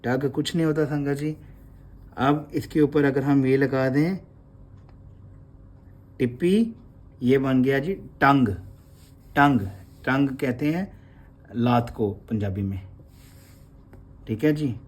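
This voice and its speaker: A man teaching Gurmukhi script. He explains patiently and draws out each letter sound, addressing the class respectfully. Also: medium pitch. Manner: slow, patient, drawn-out letter sounds, calls listeners sangat ji. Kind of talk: slow classroom explanation with prayer.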